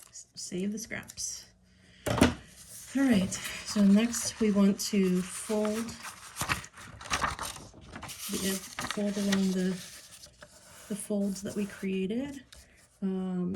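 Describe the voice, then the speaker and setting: A woman with a Pittsburgh accent leads a relaxed craft tutorial from her home, chatting at an easy pace with plenty of ums and little delighted asides. Her voice is mid-range, and there's background noise.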